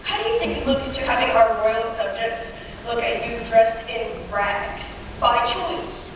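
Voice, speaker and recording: A woman's voice: on the high side, lively intonation, a little slow. A woman playing a pompous, exasperated prince and henpecked husband in a stage fairy-tale comedy. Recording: distant muffled hall, heavy echo, noisy.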